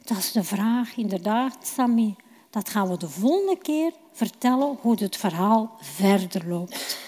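A woman telling a Bible story to children in an expressive, questioning way. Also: mid-range voice, measured pace, slightly rough. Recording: reverberant hall.

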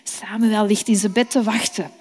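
A woman telling a children's Bible story gently and expressively. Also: mid-range voice, steady tone, moderate pace, slightly rough. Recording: long reverb.

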